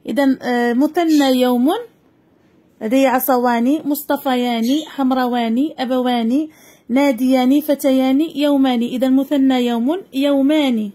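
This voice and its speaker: Woman, Moroccan accent, teacher, high voice, careful dictation, repeats every word. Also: fairly even intonation, normal speed, mellow. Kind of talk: grammar lesson for primary pupils.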